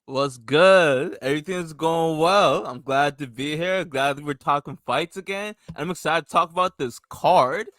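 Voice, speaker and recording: A man's voice: on the high side, a little slow, hardly any pauses, fairly bright tone, no room sound, studio quality. A man who analyzes fights on a sports podcast, talking in an easygoing, upbeat way. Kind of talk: casual sports podcast chat.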